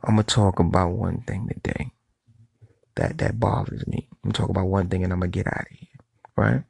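A man with a low, gravelly, husky voice talks straight to camera in a blunt, profane monologue. His street talk keeps checking in with the listener, and the sound is dry and close. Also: fairly even intonation, fairly quick, darkish tone, no room sound. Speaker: vlogger. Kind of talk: casual monologue.

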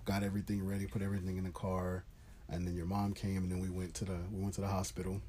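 A young man co-hosting a casual podcast, telling a story in a relaxed way, with lots of fillers. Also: low voice, fast talker, a little hiss or hum. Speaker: podcast co-host. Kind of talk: casual chat.

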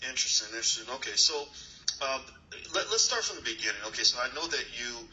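A man's voice: medium pitch, very animated, fast, pushed and bright, highs cut off, slight background noise. A man hosting an online class and interviewing a guest over a video call, talking earnestly with many fillers and restarts. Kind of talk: motivational talk and interview. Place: new location, dim room.

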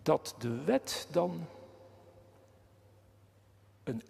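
A man preaching a sermon slowly and deliberately, with long pauses and passionate emphasis. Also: fairly high pitch, very animated, creaky, a little mellow, long reverb tail. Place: church.

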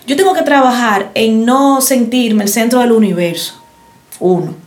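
A woman's voice: fairly high pitch, normal speed. A middle-aged woman chatting on a podcast, telling stories and acting out quoted dialogue. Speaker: podcast co-host. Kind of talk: casual chat. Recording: roomy echo.

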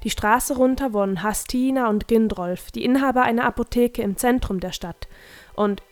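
A woman's voice: a little high, moderate pace, dry recording, faint music behind, close to an everyday voice. A woman reading the lines of a big, proud male forest creature who fusses over his garden, lecturing fondly, in a dry, close recording. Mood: proud fussy.

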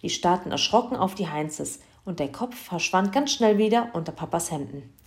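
A woman reading a children's Christmas story aloud in a lively, expressive way. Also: lowish voice, normal speed.

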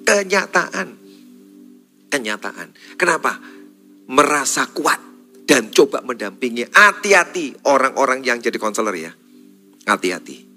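A man preaching a church sermon in Indonesian with a Javanese accent, pressing warnings again and again and swinging between loud emphasis and hushed asides. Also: mid-range voice, big pitch swings, unhurried, long pauses, faint music behind. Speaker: pastor. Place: church service.

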